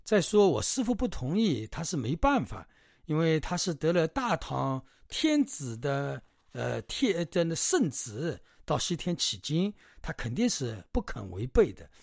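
A man's voice: on the high side, sing-song, unhurried, gravelly, a little mellow, no room sound, studio quality, voice pushed up, exaggerated voice. Man doing a greedy wheedling pig-monster pilgrim. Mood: excusing. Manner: wheedling, self-excusing.

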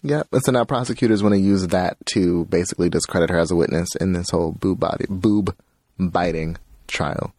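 A man's voice: deep voice, a little fast, a little mellow, no room sound. A man co-hosting a podcast in casual chat, dropping dry quips and laughing often. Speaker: podcast co-host.

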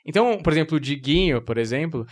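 A man's voice: on the high side, animated, fast. A Brazilian man hosting a casual chat, asking his guest curious questions with street slang. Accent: Brazilian Portuguese.

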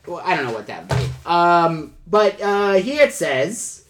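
A man hosting a comedy show in improvised chat, talking in a rambling, halting and effusive way. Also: high-pitched, big pitch swings, fairly bright tone, soft background music.

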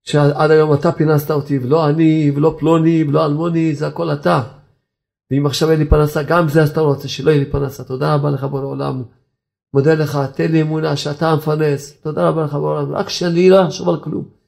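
Man preacher, slightly high gravelly voice, emphatic sermon delivery with sudden pitch leaps. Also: little pitch movement, a little mellow. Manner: emphatic, repetitive pleading, sudden high leaps and chuckling asides. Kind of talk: Hebrew religious sermon.

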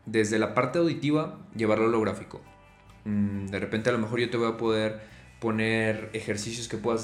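A man hosting a casual solo podcast, talking loosely with many fillers and repeated words. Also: lowish voice. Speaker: podcast host. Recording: echoey room, faint music.

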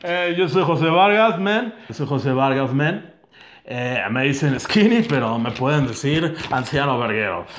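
A lazy, mumbling slacker with a low voice, put on by a Mexican man. He drawls every word and sounds laid-back. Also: expressive, unhurried, reverberant, natural voice. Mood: drawling.

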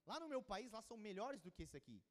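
A man's voice: sits high, big pitch swings, quick pace. A man playing a proud, offended foreign army commander who talks in indignant, demanding slang. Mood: scornful. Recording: long hall reverb.

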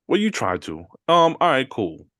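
A man's voice: mid-range voice, wildly swooping pitch, moderate pace, fairly bright tone, no echo, studio quality. A man co-hosting a podcast, talking in a laid-back slangy way and reading listener comments aloud. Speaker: podcast co-host. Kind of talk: casual chat.

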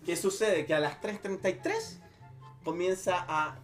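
A man's voice: high-pitched, unhurried, over loud music. A young man with a Chilean accent, hosting a podcast and telling a crude story with lots of laughter. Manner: crude, laughing, animated retelling. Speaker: podcast host. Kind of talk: casual joking storytelling.

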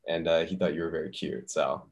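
A man's voice: rumbling low, steady tone, brisk, a little mellow. A young man hosting a podcast, talking in an easygoing way with lots of fillers and restarts. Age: young adult. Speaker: podcast host. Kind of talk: casual chat.

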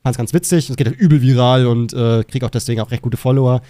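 A man co-hosting a casual podcast, rambling and animated, swearing casually. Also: medium pitch, fast talker, no room sound. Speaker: podcast co-host. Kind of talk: casual chat.

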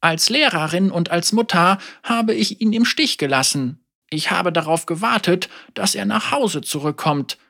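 A storybook reader voicing an elderly woman, a teacher and mother, wry, calm and gently teasing. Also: mid-range voice, unhurried, gravelly, voice pushed up, full character voice.

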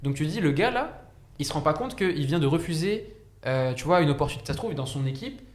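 A man, a company founder, talking fast and rambling with many restarts as the guest in a casual podcast chat. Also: on the high side, expressive, roomy sound.

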